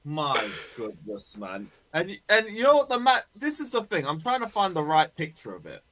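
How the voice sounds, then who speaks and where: A man's voice: on the high side, wildly swooping pitch, moderate pace, a bit bright, a little hiss or hum. A British man hosting a football fan show with casual, sweary, slangy banter.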